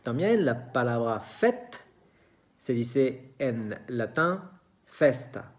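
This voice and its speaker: Slow, careful teacher. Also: medium pitch, sing-song. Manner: slow and careful, repeats each example word. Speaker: French teacher. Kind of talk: beginner language lesson.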